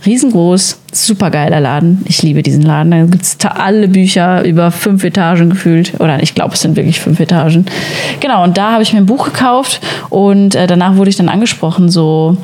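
A young woman from the Sauerland co-hosting a podcast, telling a story in casual chat with many fillers and quick laughs. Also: lowish voice, a little mellow. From Sauerland, Germany. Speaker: podcast co-host.

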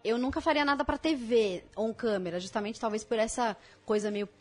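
A woman's voice: on the high side, a little fast, darkish tone. A woman from inland São Paulo state, chatting as an interview guest, laughing often and acting out quoted lines. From interior of São Paulo state, Brazil. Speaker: interview guest, video creator. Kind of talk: casual interview chat.

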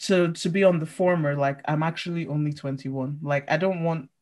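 A woman's voice: sits low, fairly even intonation, moderate pace, darkish tone. A woman of twenty-one co-hosting a casual podcast chat, laughing often and restarting her sentences. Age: 20s. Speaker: podcast co-host.

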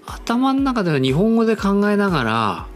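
A man co-hosting a podcast in casual chat, listening closely and reacting with steady murmurs of agreement. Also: high voice, normal speed, faint music behind. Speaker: podcast co-host.

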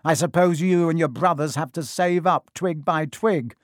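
A man's voice: a little high, moderate pace, dry recording, clean studio sound, voice pushed up, close to an everyday voice. A man voicing a spiteful, jealous rich schoolboy who sneers and snaps, in a storybook reading. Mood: sneering. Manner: sneering, snappish.

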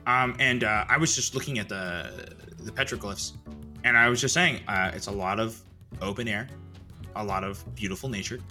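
A man playing a chatty, wistful evil necromancer who co-hosts a comedy podcast and speaks in a halting, casual way. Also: on the low side, pushed and bright, soft background music. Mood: nostalgic chat. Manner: halting, casual delivery of villainous lines. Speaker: podcast co-host. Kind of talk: improvised in-character comedy chat.

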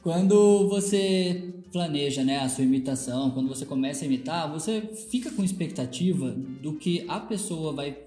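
A man's voice: a little high, animated, moderate pace, hardly any pauses, dark tone, faint music behind. A Brazilian man hosting an interview in an easygoing manner. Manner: easygoing, laughs along. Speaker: podcast host. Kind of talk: casual interview. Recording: roomy echo.

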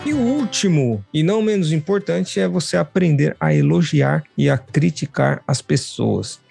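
Gravelly-voiced Brazilian male podcast host. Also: on the high side, animated, moderate pace, a little mellow, soft background music. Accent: Brazilian Portuguese. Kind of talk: casual podcast conversation.

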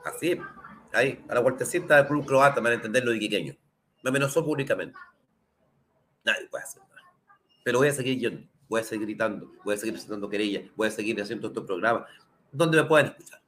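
Man, Chilean accent, hoarse, indignant commentary, forceful tone, rhetorical questions, middle pitch. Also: quick pace, slight background noise. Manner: indignant, rhetorical questions, addresses the audience directly. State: hoarse, sore throat. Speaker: lawyer hosting his own commentary program. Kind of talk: impassioned political commentary.

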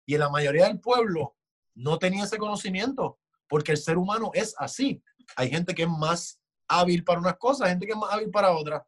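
Man, fairly high voice, heated casual talk with frequent swearing. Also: a little fast. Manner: passionate, swears often, acts out quoted voices. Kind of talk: casual chat.

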